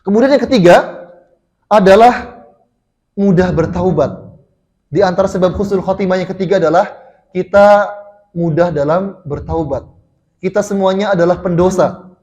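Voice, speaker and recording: High-voiced Indonesian man preaching. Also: moderate pace, pauses often, darkish tone, highs cut off. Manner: storytelling, restarts and fillers, addresses congregation. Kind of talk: mosque sermon. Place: mosque.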